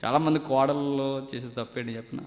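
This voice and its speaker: A man preaching a sermon, swinging between loud emphatic lines and quiet asides, acting out the voices he quotes. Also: mid-range voice, steady tone, quick pace. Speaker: pastor. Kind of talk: Telugu sermon. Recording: roomy hall with long reverb.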